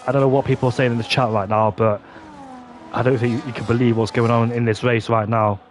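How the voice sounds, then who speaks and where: A man giving excitable motorsport commentary on an online sim race, play-by-play, exclaiming at the action on track. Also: mid-range voice, brisk, a little hiss or hum. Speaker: esports racing commentator.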